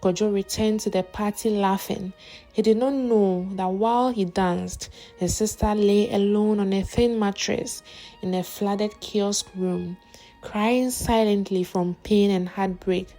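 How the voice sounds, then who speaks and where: A woman narrating a scripted story in a steady, somber manner. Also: mid-range voice, unhurried. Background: faint music.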